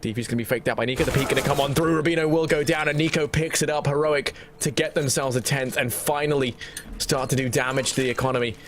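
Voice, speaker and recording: A man's voice: medium pitch, steady tone, fast talker, slight background noise. A man working as an esports caster, giving flowing, dramatic play-by-play commentary on a shooter match with colourful flourishes.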